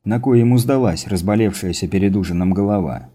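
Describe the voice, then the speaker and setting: A man reading a science fiction audiobook as narrator, in steady scripted narration. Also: fairly low pitch, fairly quick, breathy edge.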